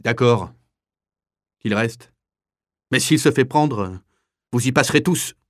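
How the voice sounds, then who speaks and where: A harsh, barking kapo, put on by a male reader in an audiobook, voice pushed high and loud with every command. The lines come out as hard, clipped shouts. The reading sounds close and dry. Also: fairly even intonation, very slow, dry recording. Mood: grudging. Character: brutal male camp kapo barking orders.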